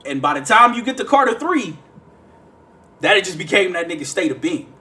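Bright-voiced man telling a story with laughs. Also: high-pitched, sing-song, brisk. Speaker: podcast co-host. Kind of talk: casual chat.

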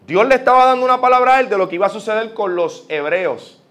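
High-voiced Puerto Rican preacher. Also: male voice, quick pace. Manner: lively, personal storytelling with quoted prayers. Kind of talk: sermon. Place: church.

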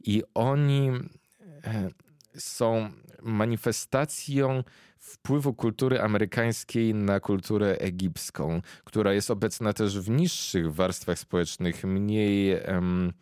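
A young man talks with a fairly low voice, easygoing and conversational as he hosts a podcast interview. He stops often to search for the right word. The recording is dry and close, with no room sound. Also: fairly even intonation, a little mellow, clean tone, no echo. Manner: thoughtful, pauses often to search for words. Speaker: podcast host interviewing a guest. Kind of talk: casual conversational explanation.

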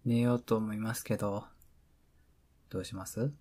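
Man acting as teasing boyfriend, Kansai Japanese accent, breathy and husky, ASMR role-play, intimate pillow talk, coaxing, affectionate. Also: lowish voice, steady tone, moderate pace. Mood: sleepy teasing. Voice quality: breathy, soft, often dropping into speaks softly. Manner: playful, coaxing, mock-hurt. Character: teasing, affectionate, slightly needy boyfriend at bedtime.

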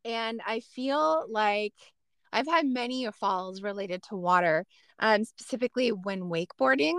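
A woman co-hosting a casual chat podcast, chatty and quick to exclaim and laugh along. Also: a little high, animated, fairly bright tone, smooth, no room sound. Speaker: podcast co-host.

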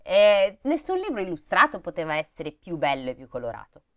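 A woman's voice: lowish voice, huge pitch swings, fairly quick, dull audio. A woman reading a fairy tale aloud, breaking off with sarcastic, swearing comments. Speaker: storybook reader.

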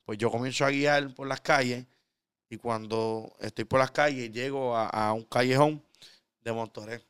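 A man's voice: mid-range voice, steady tone, moderate pace, clear, resonant tone, dry recording, clean studio sound. Earnest Puerto Rican man telling his testimony. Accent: Puerto Rican Spanish. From Puerto Rico. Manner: earnest storytelling, drops to a hushed tone for intimate moments. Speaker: preacher guest. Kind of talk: conversational testimony.

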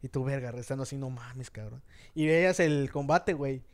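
A Mexican man with a Mexican accent telling a story in fast, slangy casual chat, acting out the lines of the people in it. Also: medium pitch.

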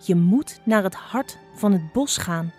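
A woman voicing a blind, sharp-tongued old female fox who scolds impatiently. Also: fairly high pitch, animated, moderate pace, faint music behind, natural voice. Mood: stern.

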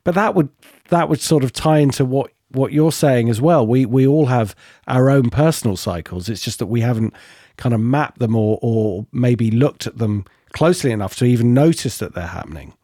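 A man's voice: mid-range voice, expressive, normal speed, dark tone, breathy edge, no room sound, studio quality. A man hosting a podcast interview, talking in a reflective, slightly hesitant way. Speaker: podcast host. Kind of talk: casual interview chat.

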